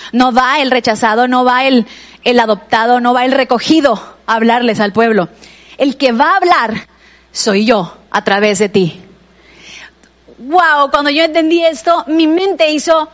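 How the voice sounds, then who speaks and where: High-voiced Mexican woman preaching. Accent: Mexican Spanish. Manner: conversational preaching with asides to the listener. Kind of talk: sermon.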